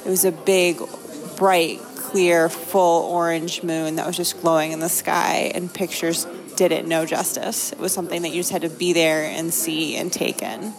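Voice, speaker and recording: This American travel host from Maine narrates her vlog in an enthusiastic, upbeat way, though her fairly low voice has a flat delivery at normal speed. The recording is rough, with music playing underneath.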